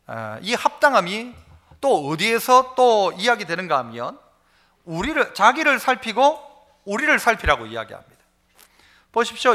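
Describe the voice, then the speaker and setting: A man's voice: sits high, bright, forceful tone. A male pastor preaching a sermon at a church service, emphatic, having the congregation repeat phrases and telling homely stories to make his point. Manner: storytelling with homely examples.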